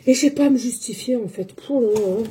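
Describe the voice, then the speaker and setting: A woman's voice: a little high, a little fast, mellow, a little hiss or hum. A woman, a psychic medium, talking casually to her viewers in a defensive, repetitive way, full of fillers. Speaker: psychic medium giving tarot readings. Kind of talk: casual spoken monologue to viewers.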